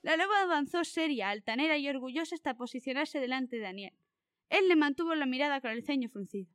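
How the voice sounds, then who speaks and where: A woman's voice: high voice, expressive, fast, a bit bright, dry recording. A woman narrating an animal storybook aloud, reading expressively.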